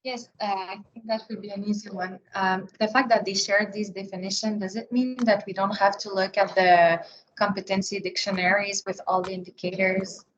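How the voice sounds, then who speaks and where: A woman's voice: medium pitch, little pitch movement, normal speed. Woman, careful questioner, muffled audio, faint background noise. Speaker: study group member. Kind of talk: asking a question in a group call. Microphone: video call.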